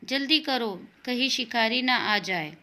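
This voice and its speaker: A woman's voice: a little high, animated, unhurried, pushed and bright. A woman voicing an anxious male monkey in a children's story, reading his lines with urgency. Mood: urgent.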